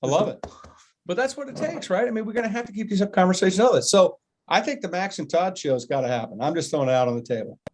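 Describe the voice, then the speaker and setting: Fast-talking excited American man. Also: high-pitched. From United States. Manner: enthusiastic, jokey, rambling. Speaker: podcast host. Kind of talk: casual chat.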